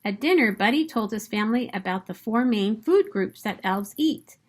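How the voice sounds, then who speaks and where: A woman with a mid-range voice reads a kids' picture book at normal speed, telling the story in an emphatic, expressive way.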